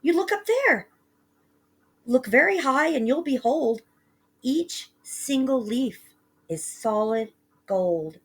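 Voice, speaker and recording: A woman voicing an excitable, boastful young boy in a high, eager voice, a little husky. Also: slow, pauses often, full character voice. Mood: excited.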